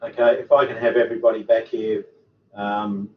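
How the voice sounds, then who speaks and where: A university lecturer answers student questions during an online workshop, speaking haltingly with many ums and uhs while he has the hiccups. His voice is fairly low and steady. The audio comes through a computer microphone on a video call and sounds roomy, distant, and dull, with a faint hiss.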